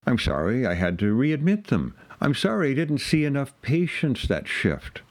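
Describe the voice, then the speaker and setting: A man's voice: mid-range voice, big pitch swings, normal speed, voice pushed up. A man giving a dramatic reading in the voice of a weary, burnt-out emergency doctor who apologizes over and over, in a heavy, repetitive litany. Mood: weary, despairing.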